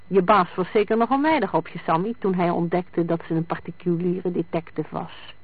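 A reader voicing a calm detective who presses a suspect with probing questions. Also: mid-range voice, normal speed, breathy edge. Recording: dry, tinny lo-fi sound.

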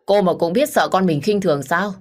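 A woman's voice: on the low side, fairly quick, voice pushed up, lightly acted. A woman voicing a spiteful, vain young woman who speaks with sneering contempt in a storybook reading.

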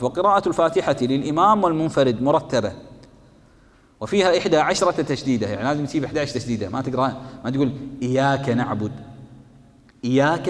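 A man's voice: medium pitch, big-room sound. A man who teaches jurisprudence, reading lines from a text and then explaining them in colloquial speech, often asking a question and answering it himself. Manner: asks and answers his own questions. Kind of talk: explaining a fiqh text to students.

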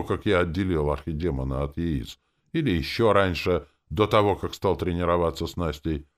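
A man narrating a first-person audiobook with wry, expressive delivery. His voice is very deep and gravelly, yet his pitch rises and falls in lively swings. The reading stays close and performed. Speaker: audiobook reader.

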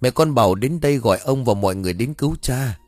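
A man's voice: mid-range voice, lively intonation, fast talker, darkish tone, dry recording, lightly acted. A man voicing a frightened young village girl who begs for help while sobbing. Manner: sobbing, pleading cries for help.

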